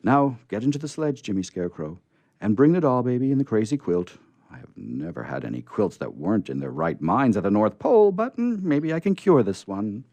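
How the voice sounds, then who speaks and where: A man voicing a brusque but kindly old Santa in a storybook reading, booming and hearty. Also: big pitch swings, a little fast, creaky, dark tone, no echo, dull audio. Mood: hearty, reassuring. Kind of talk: storybook character voice in read-aloud.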